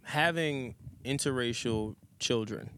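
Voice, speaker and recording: A man's voice: mid-range voice, slow, fairly bright tone, a little hiss or hum. Reflective man hosting a podcast. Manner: reflective, asks probing questions. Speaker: podcast host. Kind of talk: casual chat.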